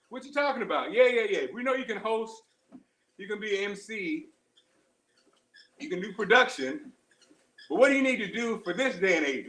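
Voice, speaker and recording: A man with a high, bright voice talks while running on a treadmill in a roomy, echoing space. He gives a casual motivational pep talk like a show host, in short exerted phrases, repeating key lines with firm emphasis. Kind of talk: casual motivational livestream chat. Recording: roomy, echoing live-stream sound.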